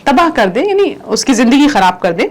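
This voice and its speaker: A woman's voice: sits high, very animated, slight background noise, rough recording. A woman teaching a language lesson, repeating words and explaining how to pronounce and spell them. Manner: explains pronunciation. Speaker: Urdu teacher.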